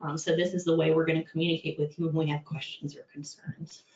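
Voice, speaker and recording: Speaking fast with a flat, darkish, low-sitting voice, this middle-aged compliance executive presents in a frank, practical way. English is her first language, and her conversational delivery is packed with fillers. Her voice comes from far off in an echoey, dull-sounding room.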